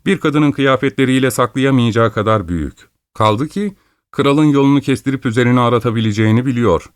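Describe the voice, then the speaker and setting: A man's voice: mid-range voice, a little fast, smooth, dry recording, studio quality, natural voice. A man voicing a shrewd male detective who reasons aloud confidently in an audiobook. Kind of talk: audiobook character voice.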